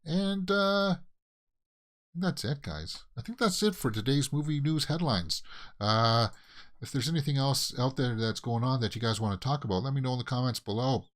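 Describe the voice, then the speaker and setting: A man's voice: medium pitch, normal speed. A Canadian man hosting a casual movie news show, rambling through headlines with plenty of fillers and restarts. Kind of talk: casual solo commentary.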